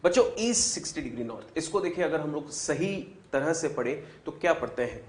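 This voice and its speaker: A man's voice: fairly high pitch, lively intonation, fairly quick. Man teaching in an echoey room. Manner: calls students "बच्चों" and chimes in to echo answers. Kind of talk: classroom physics lesson.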